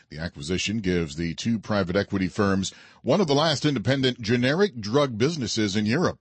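A man's voice: mid-range voice, slightly rough, no room sound. A man presenting scripted news as a radio anchor.

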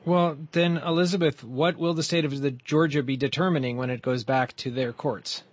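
Man as interview host, highish husky voice, questioning experts. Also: steady tone, moderate pace.

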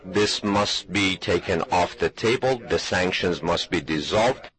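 A man with a very low voice speaks as an interpreter in a translation voice-over. His delivery is firm and measured, turning a leader's speech into English. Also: a bit bright.

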